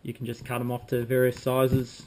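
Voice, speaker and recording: A man, calmly demonstrating fly tying at a desk at home, talking while he works with frequent ums. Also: mid-range voice, normal speed. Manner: relaxed, talks while working, frequent ums. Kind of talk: casual demonstration. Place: home room with bookshelves, indoors.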